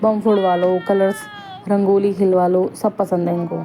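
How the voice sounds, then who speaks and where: Young woman, chatty home vlogger, mid-pitched, clear background noise in the recording. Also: level tone, normal speed, dark tone. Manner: chatty, homely storytelling. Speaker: family vlogger. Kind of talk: casual vlog narration.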